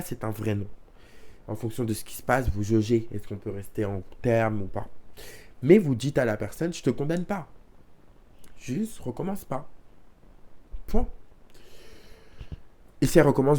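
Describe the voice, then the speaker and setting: Man, advice monologue to viewers, emphatic, commanding, mid-pitched voice. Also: normal speed, darkish tone. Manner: emphatic, addresses the audience directly with commands; acts out example dialogues in quotes. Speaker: video creator giving life advice.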